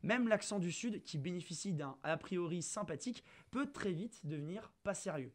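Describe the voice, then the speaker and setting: Young male debater, formal read argument, slightly high voice. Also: animated, moderate pace. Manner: formal, addresses listeners. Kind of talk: prepared argument read on radio.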